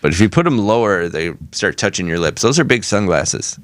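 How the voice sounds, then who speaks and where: A man with a lowish voice trading wry, laid-back banter on a podcast. The sound is dry and close to the mic, with no room around it. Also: expressive, fairly quick, no room sound. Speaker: podcast co-host. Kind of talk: casual chat.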